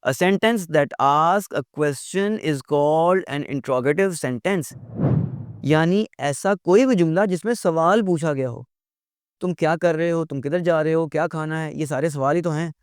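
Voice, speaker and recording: A man teaching English in a recorded lecture. He asks rhetorical questions, repeats his points and reads out the English examples slowly. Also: a little high, clean tone, no room sound, clean studio sound.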